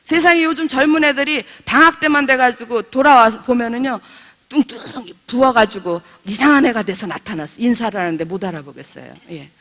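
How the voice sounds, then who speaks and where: A middle-aged pastor's wife teaching a Bible study, chatty and lively, asking her listeners questions and laughing as she tells stories. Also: on the high side, a little fast. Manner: laughs while telling stories. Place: church hall. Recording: long reverb of a church hall.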